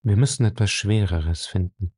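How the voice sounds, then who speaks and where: A man reading a storybook voicing a frightened man who speaks low and hesitantly. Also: moderate pace, dark tone, breathy edge, no room sound, studio quality. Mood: tense. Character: frightened man trapped in a cellar.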